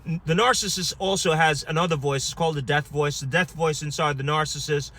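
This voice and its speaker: A man hosting a self-help video, talking casually to camera with many pauses, fillers and restarts. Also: on the high side, steady tone, bright, forceful tone.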